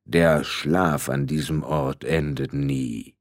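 A grave, towering skeleton speaks for an audiobook, in a heavy voice that rumbles like thunder, as a male narrator puts it on. The words come slow and measured, pitched well below the reader's own voice, with calm solemnity. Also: no room sound, studio quality. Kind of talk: audiobook character voice.

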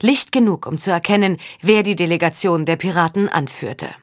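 A woman narrating a novel as an audiobook in a measured storytelling manner. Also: fairly low pitch, no room sound, clean studio sound. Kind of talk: scripted narration.

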